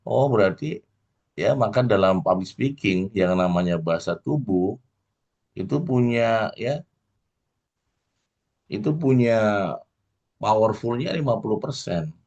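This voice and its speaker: Low-voiced middle-aged man coaching. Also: animated, unhurried, long pauses. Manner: addresses the audience warmly, full of "ya" tags and acted examples. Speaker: motivational coach and lecturer. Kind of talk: motivational lecture. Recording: dull lo-fi recording.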